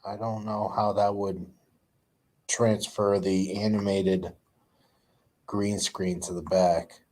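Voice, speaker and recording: A man's voice: on the low side, flat delivery, slow, darkish tone. A man hosting a casual live chat, telling rambling stories with lots of groans and fillers.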